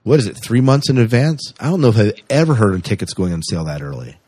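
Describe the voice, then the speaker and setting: This podcast co-host chats casually and enthusiastically about science fiction news, firing questions at his co-host. His fairly low, sing-song voice is warm and husky, he talks fast, and there's no echo.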